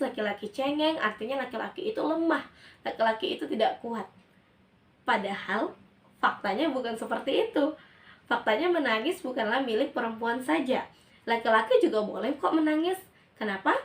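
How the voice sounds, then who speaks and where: A woman hosting a parenting talk who speaks directly to mothers and poses rhetorical questions before answering them. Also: on the high side. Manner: addresses listeners directly as mothers. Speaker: parenting educator and channel host. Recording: echoey room, mic at a distance.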